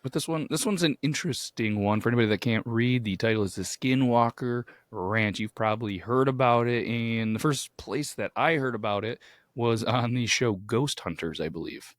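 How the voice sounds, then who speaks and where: Hoarse, grating-voiced man hosting a podcast. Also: medium pitch, moderate pace, no room sound, studio quality. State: hoarse from a weekend of yelling. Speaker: podcast co-host. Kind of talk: casual podcast chat.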